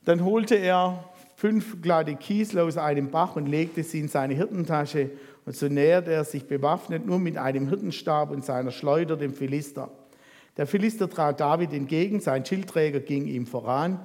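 Preacher in a reverberant hall. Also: male voice, on the high side, moderate pace. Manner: lively storytelling, asks the congregation questions. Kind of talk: sermon reading and retelling scripture.

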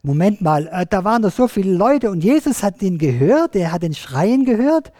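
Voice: medium pitch, big pitch swings, normal speed, mellow, dry recording, studio quality, lightly acted. A storyteller voicing a curious young boy who questions his father in a children's Bible story. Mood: skeptical.

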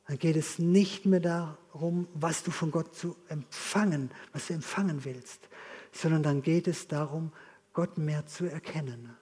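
A man's voice: a little high, measured pace, slightly rough. A man preaching a sermon and leading his congregation in prayer, earnest and direct. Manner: earnest, leads the congregation in a spoken exercise; softens to a hushed prayer. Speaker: pastor.

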